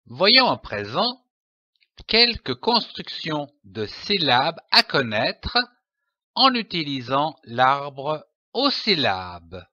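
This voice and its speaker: A man teaching pronunciation in a slow, deliberate lesson, spelling out letters and syllables one by one. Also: on the high side, huge pitch swings, sharp tone, no echo. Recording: dry, dull lo-fi voice-over.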